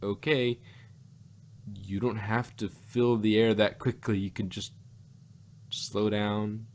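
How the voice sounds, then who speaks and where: A man with a lowish voice and flat, slow delivery co-hosts a casual podcast reviewing audio drama. He rambles in easy chat, often rephrasing himself as he goes.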